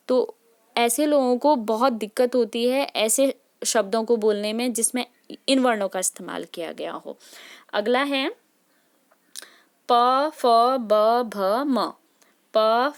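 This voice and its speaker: A woman teaching a lesson to children, patient, often checking in with questions and asking them to say sounds aloud with her. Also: on the high side. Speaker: Hindi teacher. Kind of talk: classroom lesson.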